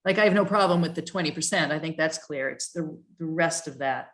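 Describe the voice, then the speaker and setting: A woman with a notably low voice works through planning regulations in a meeting, reading clauses aloud and stopping to puzzle over them. She hesitates, restarts and fills pauses, and comes through a video call. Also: a bit bright. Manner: thoughtful and hesitant, many fillers and restarts. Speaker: town planning staff leading a commission review.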